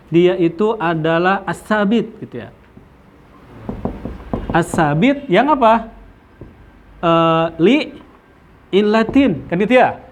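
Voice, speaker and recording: A man teaching a study circle lesson, explaining slowly with many fillers and Arabic terms and checking in with his listeners. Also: high-pitched, slight background noise. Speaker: teacher of Islamic theology.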